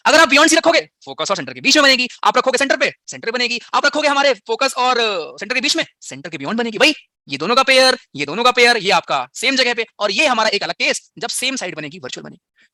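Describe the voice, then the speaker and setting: A man's voice: very high voice, very animated, fast, bright, forceful tone, no room sound, clean studio sound. A slightly unwell man teaching a physics class online, firing rhetorical questions at his students and mixing English into his talk.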